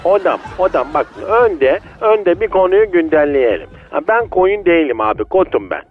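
A man's voice: high-pitched, big pitch swings, normal speed, phone-quality sound, faint music behind. A man voicing a drunk, lovesick, streetwise male ram who answers a call over a landline phone. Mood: matter-of-fact. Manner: streetwise, self-pitying, calls everyone "hocam".

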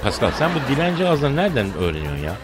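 A man with a Tokat-Elazığ Turkish accent hosts a morning radio comedy show. He talks at an everyday pitch, theatrical and teasing, with sing-song flourishes. A loud music bed plays behind him. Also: sing-song, racing, crowd noise. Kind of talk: comic morning radio banter.

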